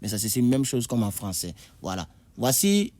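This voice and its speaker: A man teaching English idioms in a video lesson, repeating words and jumping high to act out phrases. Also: very animated, normal speed, darkish tone, dry recording. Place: indoor room with a board.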